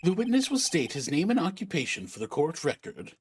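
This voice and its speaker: Man playing cranky old judge, high squeaky scolding, game dub. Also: huge pitch swings, fairly quick, a little hiss or hum. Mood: formal. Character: older male judge, impatient and exasperated.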